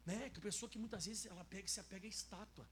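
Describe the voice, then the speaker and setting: A man's voice: sits high, very fast, a bit bright, slight background noise. A male pastor teaching a faith course in a conversational sermon style, often tagging his sentences with little asides. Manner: conversational, tags lines with "né?" and "ó"; acts out dialogues in different voices.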